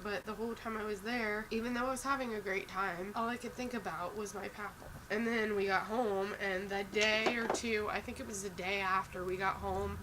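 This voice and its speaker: A woman's voice: medium pitch, background noise. A woman in her twenties telling personal stories in a casual vlog, rambling and emotional, with lots of "like" and "you know". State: tearful at times. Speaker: vlogger.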